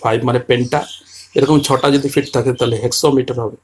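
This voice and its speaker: A man teaching a poem in detail, patiently explaining its structure and slowly reading quoted lines aloud. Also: medium pitch, steady tone, a little hiss or hum. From Bengal region.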